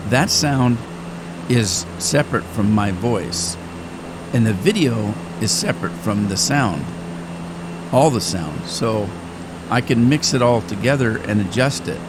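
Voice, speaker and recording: With simulated aircraft engines rumbling underneath, an older man hosting a gaming channel talks off the cuff during play. His speech meanders, breaking off and restarting, and he notes that with age his voice has dropped and cracks more.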